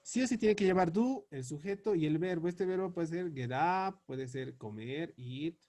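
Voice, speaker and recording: A man teaching English grammar, spelling out example questions slowly and word by word as he writes them up. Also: on the high side, mellow. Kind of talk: explaining grammar on a board.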